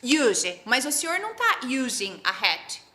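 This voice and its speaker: A Brazilian woman who teaches English, explaining her method in a lively, teacherly way and quizzing the host. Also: sits high, a little slow. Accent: Brazilian Portuguese. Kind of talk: explanatory interview talk.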